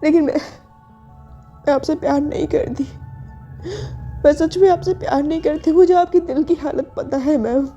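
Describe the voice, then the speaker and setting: Woman doing young employee pleading with boss, insistent, higher voice, dark tone, lo-fi with soft music. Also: measured pace, pauses often. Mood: firm, apologetic.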